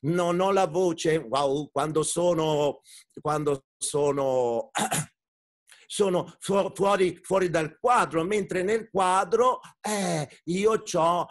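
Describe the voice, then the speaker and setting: A man voicing a wise, gentle male dog in a children's story, who barks between his words. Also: a little high, very slow. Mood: wistful. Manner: barks "wow, wow" between every few words.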